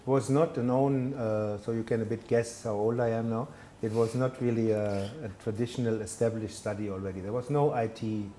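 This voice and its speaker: A man from Germany, a telecom executive, sits as a guest for a conversational interview on an indoor studio set with a brick wall. His voice is on the low side and mellow, with a little hiss or hum, and he talks hesitantly and self-deprecatingly, restarting often and leaning on fillers.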